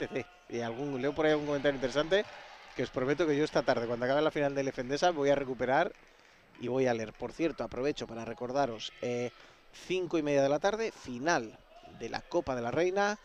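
A man's voice: mid-range voice, slight background noise. A man with a Spain Spanish accent doing live basketball play-by-play, chatty and talking straight to the viewers in the stream chat. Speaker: play-by-play commentator.

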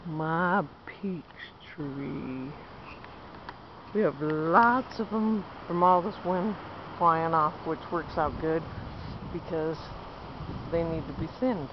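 Walking around her backyard, a home gardener in her thirties talks in a low, slow voice and points things out to the camera in her hand at arm's length. Her chatty tour is captured in dull, lo-fi outdoor audio where background noise is clear.

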